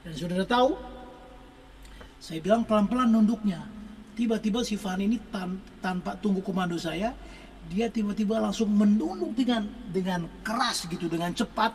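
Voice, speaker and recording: A man's voice: high voice, moderate pace, distant mic, a little hiss or hum, low-quality recording. A man preaching a sermon, telling a healing story to the congregation and singing lines of a worship song. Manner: storytelling, addresses the congregation as brothers and sisters, sings song lines.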